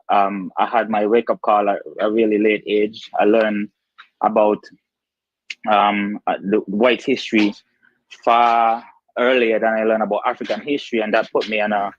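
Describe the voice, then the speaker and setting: A man's voice: on the low side, no echo. A man from Saint Kitts with a Kittitian accent, speaking casually and earnestly as a caller to a talk show, repeating phrases for emphasis. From Saint Kitts and Nevis, Caribbean. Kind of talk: casual opinionated chat. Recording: dull lo-fi call audio.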